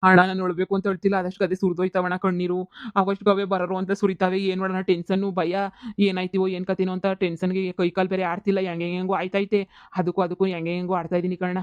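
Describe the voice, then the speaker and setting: A man's voice: sits high, monotone, smooth, no echo, muffled recording, lightly acted. A man voicing a broke young village gambler in a cartoon comedy, pleading. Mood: despairing. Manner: pleading, rapid rural talk.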